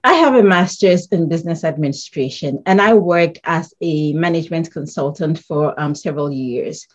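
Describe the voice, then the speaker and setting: A woman from Ghana, answering interview questions in a measured, thoughtful way and pausing with ums. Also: deep voice, highs cut off. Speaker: guest artist.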